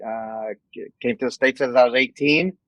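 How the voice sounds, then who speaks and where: Measured man from Mexico, dry sound. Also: mid-range voice, fairly bright tone, no echo, rough recording. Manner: measured, restarts phrases while thinking. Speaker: guest, company executive. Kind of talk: casual interview.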